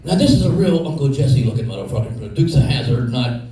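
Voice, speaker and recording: A man's voice: mid-range voice, animated, a little fast, mellow, slight background noise. Guy ranting a funny story, cussing a lot, bouncy voice, super echoey room, far from mic. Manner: profane, exasperated rant. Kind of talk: comedic storytelling.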